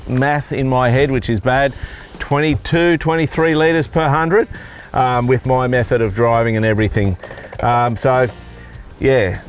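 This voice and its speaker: A man with a broad Australian accent chatting and explaining casually, in a blokey, teasing way, as an off-road vlog presenter. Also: mid-range voice.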